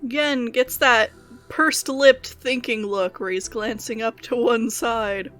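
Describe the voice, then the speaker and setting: A woman's voice: fairly high pitch, steady tone, unhurried, fairly bright tone, soft background music. Playful woman narrating as game master. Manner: descriptive and playful, laughs often.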